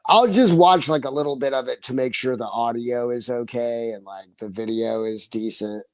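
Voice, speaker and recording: A man's voice: mid-range voice, normal speed, dry recording. A man in his forties chatting casually on his livestream, rambling, laughing often and swearing freely. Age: 40s. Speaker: livestream host.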